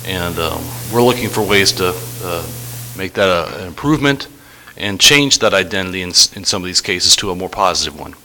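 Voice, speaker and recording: A man giving a formal slide presentation as a city staff director, in a halting, hesitant way. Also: deep voice, expressive, bright, forceful tone. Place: public meeting room. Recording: faintly noisy meeting room recording.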